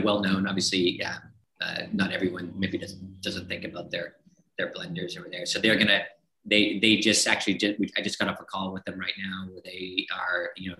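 A man's voice: low-pitched, a bit bright. A man co-hosting a podcast, explaining things eagerly in casual chat, often restarting his sentences. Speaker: podcast co-host. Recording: roomy echo.

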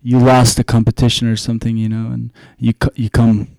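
A young man from Sweden with a Swedish accent, a dancer and musician, talking casually as an interview guest, halting and filling with "you know.". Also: mid-range voice, gravelly, dry recording. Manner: relaxed, halting, many "you know" fillers.

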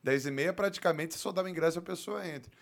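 A man's voice: a little high, rapid-fire, creaky. A man with a Brazilian accent chatting casually as a talk show guest, telling stories in a joking, self-deprecating way. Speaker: talk show guest, actor and football commentator. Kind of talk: casual chat.

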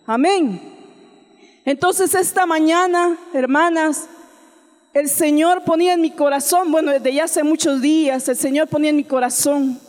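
A woman's voice: high-pitched, darkish tone, in a large hall. A woman preaching a sermon with a Central American Spanish accent, calling listeners sister and adding frequent amens. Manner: addresses listeners as sister, adds frequent amen. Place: church.

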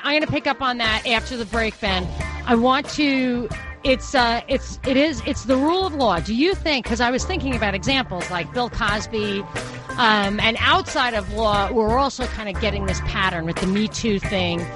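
A woman's voice: a little high, normal speed, over music. A woman with a Brooklyn accent hosting a radio talk show, speaking conversationally and thinking aloud in opinionated digressions. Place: radio studio. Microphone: close studio microphone.

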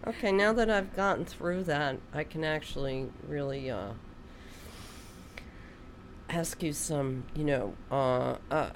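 In her studio, a radio host with a low voice and lively intonation takes things slowly and pauses often during a casual interview. Her talk is rambling, chatty and self-deprecating, full of restarted sentences. Background noise is audible.

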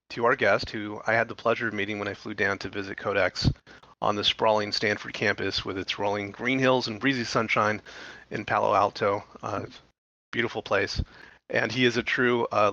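This podcast host has a lowish, steady voice that sounds pushed and bright, with no room sound, and he speaks at a moderate pace. Hosting an interview over a teleconference, he reads a sponsor intro and then chats loosely with filler words. The dry audio is dull, typical of a teleconference.

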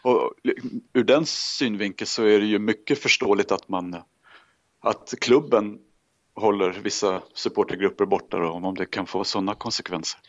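A man on a podcast panel, talking halting with many fillers. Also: fairly low pitch, no echo. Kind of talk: casual podcast discussion. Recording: dry, dull lo-fi sound.

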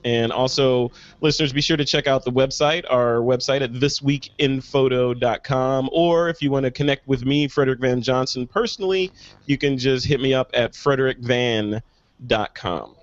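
A man's voice: medium pitch, moderate pace, no room sound, highs cut off. A man hosting a podcast over a video call, talking in a casual, upbeat way with frequent fillers. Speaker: podcast host.

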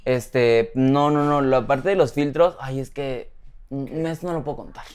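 Animated Mexican man telling stories. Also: mid-range voice, unhurried. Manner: animated storyteller, exaggerating for effect. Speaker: guest. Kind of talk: casual interview chat.

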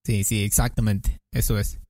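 A man co-hosting a podcast, playfully explaining Spanish grammar in casual chat, with quick examples. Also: fairly low pitch, little pitch movement, dark tone, no room sound, studio quality. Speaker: podcast co-host teaching Spanish. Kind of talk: casual language lesson chat.

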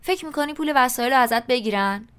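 A tactless, grubby eighteen-year-old schoolboy who keeps prying with blunt questions, as a woman reads him in an audiobook. The voice stays smooth and clear, sitting a bit higher and louder than the narration. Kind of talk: audiobook character reading.

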